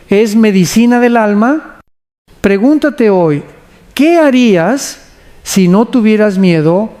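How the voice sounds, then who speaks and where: A man preaches a devotional message in a solemn, measured voice. His voice sits high for a man, and he takes his time with every phrase. He also leads his listeners in prayer. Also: a little mellow. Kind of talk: devotional sermon narration.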